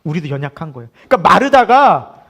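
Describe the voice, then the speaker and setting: A man's voice: on the high side, very animated, quick pace, a bit bright. A male pastor preaching a sermon at a midweek prayer service. He asks the congregation questions, laughs often and acts out the voices he quotes.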